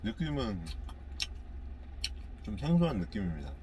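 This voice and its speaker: A man chewing while talking, giving halting, casual commentary on his meal as a truck driver eating in his cab. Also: on the low side, big pitch swings, noisy background. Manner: halting, filler-heavy, describes food as he eats. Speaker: truck driver mukbang vlogger.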